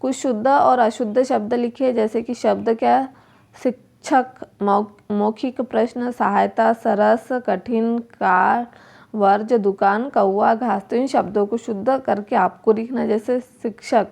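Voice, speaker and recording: A woman's voice: a little high, steady tone, vocal fry, darkish tone. A woman teacher going through workbook exercises, repeating each word and asking questions aloud. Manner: slow, repeats words and asks questions to the pupils. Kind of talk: workbook lesson explanation.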